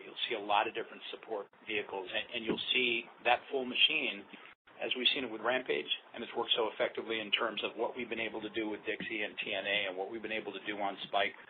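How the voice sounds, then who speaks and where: Fast, low-voiced male promoter on phone. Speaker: fight promoter. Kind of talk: conference call promotional answers. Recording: tinny phone line, faint noise.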